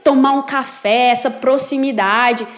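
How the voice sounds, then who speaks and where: A woman speaking as an interview guest, telling personal faith stories in an animated way with frequent tag questions. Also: high-pitched, unhurried, slight background noise. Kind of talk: casual testimony chat.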